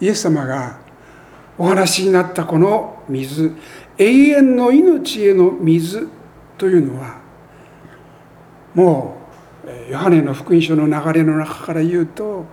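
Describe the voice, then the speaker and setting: A pastor delivers a sermon in a high, animated voice that swoops up for emphasis. He sounds earnest, with measured pauses between phrases, and his pitch climbs and dips freely as he preaches. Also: a little hiss or hum.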